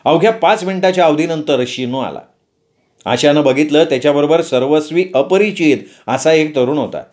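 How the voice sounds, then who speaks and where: A man's voice: fairly high pitch, normal speed, a little mellow. A man narrating a story, with playful asides to the listeners.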